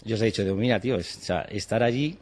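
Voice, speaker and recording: A man's voice: lowish voice, rapid-fire, a little mellow. A man in his forties from Spain, a chef and cooking teacher, talking casually and animatedly, acting out bits of dialogue and swearing in passing. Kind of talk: casual interview talk.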